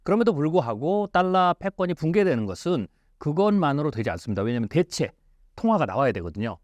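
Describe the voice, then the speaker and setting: A man's voice: on the high side, big pitch swings, fast talker, a little mellow, no room sound, studio quality. A man as an interview guest, explaining in an emphatic way with rhetorical questions. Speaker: futurist guest.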